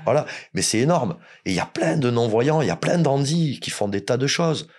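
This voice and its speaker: A man's voice: mid-range voice, sing-song, brisk, darkish tone. A man from France, a podcast guest, telling stories in casual chat, blunt and joking with plenty of swearing.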